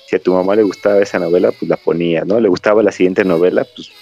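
Telling stories in a loose, digressive way, this Mexican podcast host talks fast in a low, mellow voice with vocal fry and fairly even intonation. It's a casual chat, recorded in dry, slightly dull lo-fi audio.

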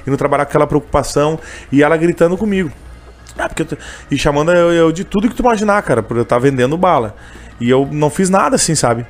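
A man's voice: fairly high pitch, lively intonation, racing. A man telling a personal story in a casual interview, emotional and full of fillers. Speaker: interviewee, candy seller who sings on trains.

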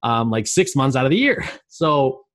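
A man's voice: mid-range voice, very animated, normal speed, a bit bright, no echo, studio quality. Chatty man in his late twenties. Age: late 20s. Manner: rambling, lots of "like" fillers, laughs easily. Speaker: podcast co-host. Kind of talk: casual chat.

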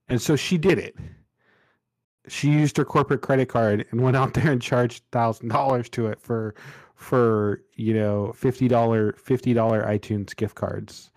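A man's voice: mid-range voice, fairly even intonation, unhurried, darkish tone, dry recording. A middle-aged man co-hosting a casual chat, telling rambling stories and laughing often. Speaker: podcast co-host.

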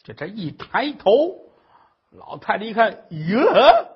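A man telling a comic story in performance, animated and shifting between character voices. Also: sits high, unhurried, husky. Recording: muffled lo-fi recording.

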